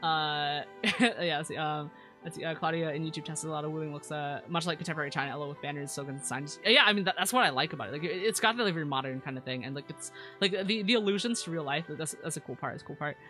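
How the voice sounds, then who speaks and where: A woman's voice: low-pitched, fast talker, sharp tone, faint music behind. A woman live streamer chatting casually over a game and reading out viewer comments, in a cute anime-streamer manner with slangy, stammering rambles. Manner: stammering, repeats words.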